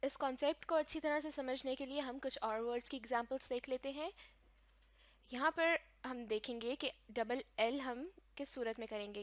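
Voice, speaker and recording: Lady teacher explaining grammar slow and patient, kinda high voice, dry close mic. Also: no echo. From Pakistan. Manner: patient, explains step by step and spells words out. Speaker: English teacher. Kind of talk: recorded grammar lecture.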